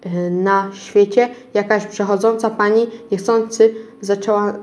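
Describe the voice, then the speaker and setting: Reading a children's story, this woman keeps tripping on words and restarting them. Her mid-range voice is steady, a bit slow, and slightly mellow.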